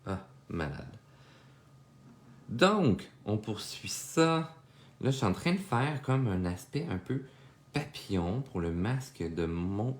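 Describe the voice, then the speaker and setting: A man's voice: deep voice, roomy sound. A young man with a Québécois accent, chatting casually with viewers while teaching a drawing lesson live, full of fillers and asides. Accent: Québécois French. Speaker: drawing instructor. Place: home studio.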